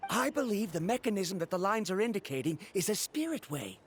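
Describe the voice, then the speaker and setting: Here an actor plays the same kind of earnest male dragon scholar, speaking in a high-pitched, sing-song voice at a slightly quick pace. A faint hiss or hum sits under his eager, formal, pedantic explanations in this scripted game dialogue.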